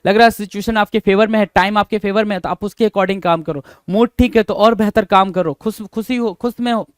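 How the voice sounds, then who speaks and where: An Indian man teaching English idioms for exams, repeating each phrase slowly and quizzing the viewer. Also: sits high, fairly even intonation, dry recording. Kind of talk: exam-prep vocabulary lesson.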